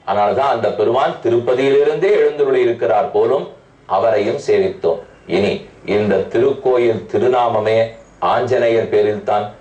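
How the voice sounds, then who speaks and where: A man giving a devotional discourse who chants scripture verses slowly and then explains them in plain talk. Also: mid-range voice, darkish tone. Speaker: religious discourse speaker. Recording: roomy, from far off the mic.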